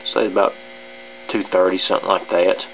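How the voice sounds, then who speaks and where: A man with an Appalachian hillbilly accent giving a casual, rambling gear demo in a halting, self-deprecating way. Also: steady tone, gravelly, a little hiss or hum. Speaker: amateur gear reviewer. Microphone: camera on a tripod. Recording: dull lo-fi camera audio. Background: bass guitar and amp sounds.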